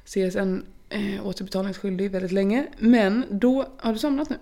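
A woman's voice: medium pitch, steady tone, vocal fry, dark tone. A young woman telling a story in casual chat, acting out the dialogue she quotes. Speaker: podcast co-host.

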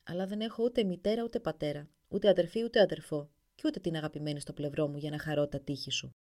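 A woman's voice: low-pitched, fairly even intonation, mellow, close to an everyday voice. A woman voicing a proud, lonely male warrior who boasts about his tower. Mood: boastful.

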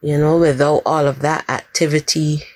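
A woman from Barbados, slowly and gently sharing a personal memory in a recorded message. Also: deep voice, flat delivery, no echo. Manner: slow, gentle, heartfelt storytelling.

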